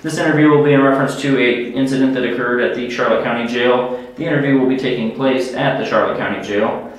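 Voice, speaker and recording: A brisk male detective runs through his questions in a formal, procedural manner. This is an old interrogation tape, the voice captured far from the mic in a very echoey room. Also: mid-range voice, steady tone. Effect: interrogation tape recording played back. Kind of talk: police interview.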